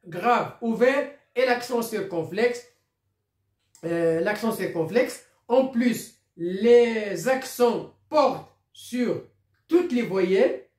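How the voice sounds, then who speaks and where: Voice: mid-range voice, darkish tone, distant mic. Moroccan teacher, patient, echoey room. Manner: patient, repeats and spells out words, adds Darija explanations. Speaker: primary school teacher. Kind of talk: recorded classroom lesson.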